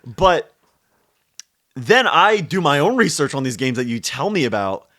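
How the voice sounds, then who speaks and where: A young man co-hosting a casual podcast, talking in an excitable, rambling way full of restarts. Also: on the high side, unhurried. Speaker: podcast co-host. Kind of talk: casual chat.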